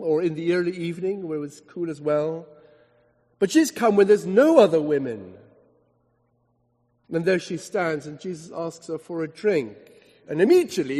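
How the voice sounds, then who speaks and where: A man preaching a sermon as dramatic storytelling, swinging between emphatic lines and hushed asides. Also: high voice, long reverb tail.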